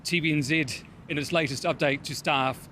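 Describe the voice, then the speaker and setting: A male TV news reporter with a New Zealand accent delivers a report. His voice sits a little high for a man. There is faint low noise behind him. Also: steady tone, moderate pace, pushed and bright. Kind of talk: scripted news report and live cross.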